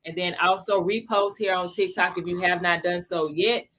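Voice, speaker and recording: Woman livestream host, lowish voice, chatty, teaches crypto basics and calls out viewers in chat. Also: fairly even intonation, a bit bright. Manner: chatty, addresses viewers as y'all, greets chatters by name; slows down to stress key points. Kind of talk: casual livestream lesson.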